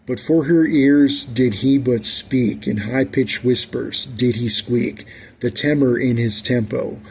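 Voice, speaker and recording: A tired middle-aged man reading his own poetry in a measured, deliberate way, with frequent restarts. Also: medium pitch, creaky, darkish tone, a little hiss or hum.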